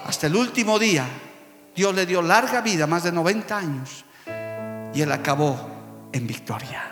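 A man's voice: high-pitched, animated, moderate pace, a bit bright. A male pastor with a Bolivian Spanish accent preaching a fervent sermon, often calling listeners brother. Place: church hall. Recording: echoey church hall with long reverb. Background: music.

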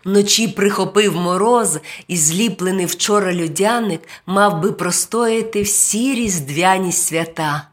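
A woman narrating a children's storybook in a gentle, expressive way. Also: mid-range voice, unhurried, hardly any pauses.

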